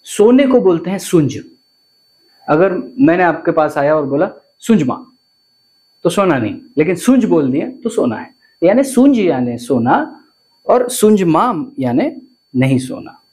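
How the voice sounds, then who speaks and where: A man's voice: fairly high pitch, very animated, measured pace, darkish tone. A man, teaching vocabulary to viewers and often repeating words and asking questions. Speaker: language teacher.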